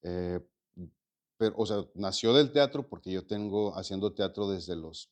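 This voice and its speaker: A man's voice: deep voice, animated, unhurried, darkish tone. A man in his forties from Mexico, an actor and stage producer, answering interview questions in a reflective, rambling way with many fillers and repeated words. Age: 40s. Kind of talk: casual interview conversation.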